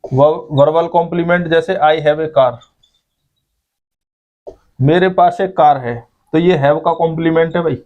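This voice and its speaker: A man's voice: a little high, unhurried, long pauses, a little mellow. Man teaching grammar, lo-fi audio. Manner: explains step by step, keeps adding "ठीक है भाई". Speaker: English teacher. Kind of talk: classroom grammar lesson.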